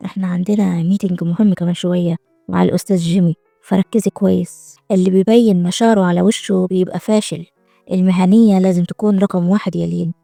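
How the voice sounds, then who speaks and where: A woman voicing a devoted, protective young rich man, speaking low, soft and calm with an Egyptian Arabic accent. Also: quick pace, gravelly, no room sound, studio quality, faint music behind. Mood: tender.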